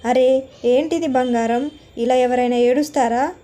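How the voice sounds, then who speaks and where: Brief: woman reading as a teasing young dad, affectionate and playful, voice sits high. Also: steady tone, measured pace, warm tone. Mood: fond scolding.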